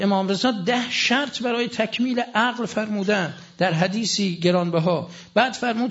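A man's voice: high-pitched, a bit bright. A middle-aged man preaching a sermon with mounting passion and weighty recitation. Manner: impassioned, rising to fervent emphasis, recites scripture in Arabic. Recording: dull lo-fi recording.

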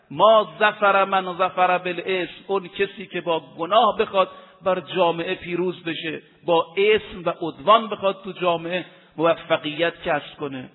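A husky, high-voiced male preacher presses his points home and stretches Arabic quotations into a slow chant. The audio is tinny and lo-fi, like a phone, with a long echo trailing behind him in what sounds like a big hall.

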